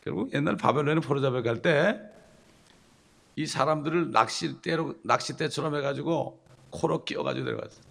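A man preaching a sermon, emphatic, with sudden loud bursts and rhetorical questions to the congregation. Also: fairly high pitch, fairly quick, gravelly. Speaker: pastor.

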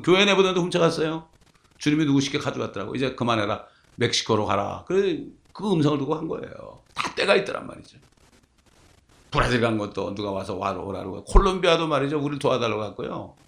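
A male pastor preaches with a gravelly edge in his voice. He tells stories and keeps asking the congregation rhetorical questions as he goes. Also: medium pitch, very animated, fast. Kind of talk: sermon.

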